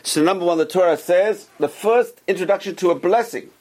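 A Torah teacher leads an informal religious class gathered around a table, going step by step, repeating the main points, and putting questions to his students. His voice is high and brisk with a somewhat dark tone.

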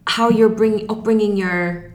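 Casual interview host, female, medium pitch, conversational delivery, noticeably reverberant room sound. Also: fairly even intonation, measured pace. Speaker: podcast interviewer.

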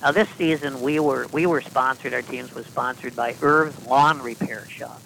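Gravelly man telling deadpan stories. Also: mid-range voice, moderate pace, a little hiss or hum, low-quality recording. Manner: deadpan, self-correcting storyteller with dry asides. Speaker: podcast guest. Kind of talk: casual anecdotal storytelling.

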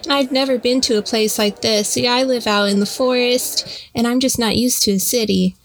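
A woman's voice: on the high side, steady tone, moderate pace, a little hiss or hum, lightly acted, poor audio. A woman voicing a young woman from the forest who acts timid and lost, pleading sweetly for help.

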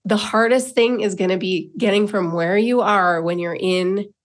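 A woman's voice: medium pitch, moderate pace. A woman giving a reflective personal monologue as a self-help host, speaking informally and encouragingly to her listeners.

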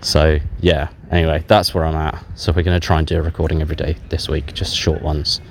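Very deep, downcast man on a dictaphone. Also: level tone, creaky. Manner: hesitant, halting, candid with frequent long pauses; low-spirited, subdued, self-deprecating. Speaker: podcast host. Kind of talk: casual, confessional audio diary on a voice recorder. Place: outdoors in a public park while out walking. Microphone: handheld voice recorder. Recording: handheld dictaphone recording outdoors, background noise. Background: outdoor park ambience.

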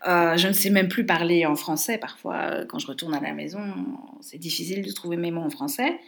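A woman's voice: on the low side, brisk, vocal fry. A woman co-hosting a casual podcast chat, joking at her own expense and laughing often. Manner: self-mocking, laughs often. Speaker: podcast co-host.

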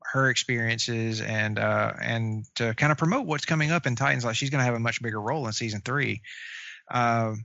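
A man co-hosting a casual chat about comic book shows, halting and full of fillers and restarts. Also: mid-range voice, gravelly, bright, forceful tone, no room sound. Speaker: podcast co-host. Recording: dry, dull lo-fi sound.

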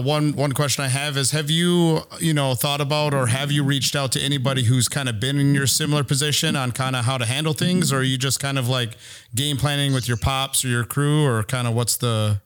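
A man's voice: mid-range voice, steady tone, a little fast, fairly bright tone, smooth. A man hosting a podcast, interviewing casually in slangy, teasing buddy talk. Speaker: podcast host.

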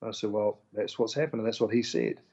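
Speaking quickly in a lowish, gravelly voice, a man with a New Zealand accent relates his story as an interview guest in casual talk. He's animated, acting out quoted dialogue, and the audio is dull.

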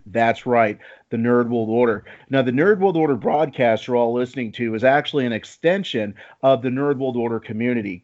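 A man hosting a talk show, addressing listeners directly like an announcer. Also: medium pitch. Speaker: podcast host. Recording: slightly dull, lo-fi podcast audio.

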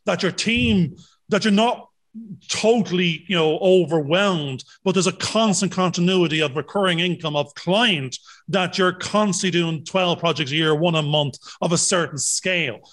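Male interviewer, fairly high voice, casual chat, voices imagined quotes to make points. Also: moderate pace, a bit bright. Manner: talks in acted-out hypothetical quotes. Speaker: interviewer, former accountant.

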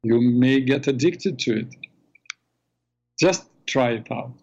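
A man hosting a call-in radio show in a smooth, calm and measured way, heard through a radio broadcast. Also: mid-range voice, slight background noise. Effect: radio broadcast sound. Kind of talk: smooth radio host talk. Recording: dull lo-fi radio sound.

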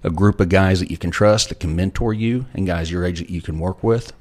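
This middle-aged entrepreneur guest has a low, slightly mellow voice and talks fairly quickly. The interview is casual, full of his folksy storytelling and advice on living.

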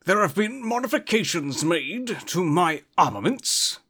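A man's voice: high voice, big pitch swings, unhurried, sharp tone, full character voice. A man playing a pompous armored knight. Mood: haughty. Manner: archaic, pompous, solemn speech. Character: stubborn, formal male knight in full armor. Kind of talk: tabletop roleplay in character.

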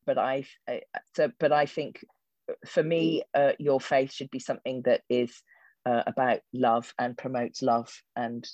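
An English woman in her sixties, a theatre director and actor, speaks in a deep bass voice with a level, darkish tone and a slightly slow pace. She gives thoughtful, wry interview answers, often restarting her sentences. The lo-fi recording is dull and dry, with no echo.

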